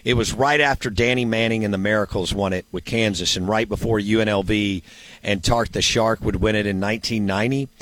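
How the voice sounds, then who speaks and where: A man's voice: on the low side, fairly even intonation, a little fast, a bit bright, no echo. A man hosting a sports show, chatting casually and rambling as he thinks aloud and asks himself questions. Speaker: sports radio show host.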